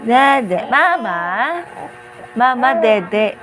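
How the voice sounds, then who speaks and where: A woman from the Philippines, a mother and family vlogger, coaxing her baby to repeat first words in slow, repetitive baby talk. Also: on the high side, expressive, poor audio. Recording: background music over the voice.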